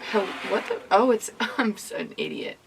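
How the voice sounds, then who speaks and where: A woman's voice: fairly high pitch, normal speed, far from the mic, background noise. A young woman co-hosting a casual podcast, telling a story with laughter running through it. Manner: laughing storyteller, animated retelling. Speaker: podcast co-host. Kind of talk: casual chat.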